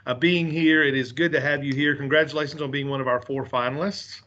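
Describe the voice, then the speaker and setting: A man leading a formal board interview over a video call, his mid-pitched voice coming through dull and muffled. He speaks hesitantly, repeating words and filling pauses with uhs. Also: steady tone, bright, forceful tone. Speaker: school board chair.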